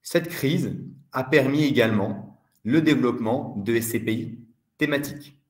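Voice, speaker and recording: A man giving a steady, measured explanatory webinar presentation as a fund department director. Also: mid-range voice, echoey room.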